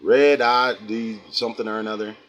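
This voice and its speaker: His voice is fairly low and a bit bright, with fairly even intonation and a moderate pace, heard through lo-fi sound. The middle-aged American host of a livestream channel reads chat and talks casually in a folksy, rambling manner that wanders into preaching.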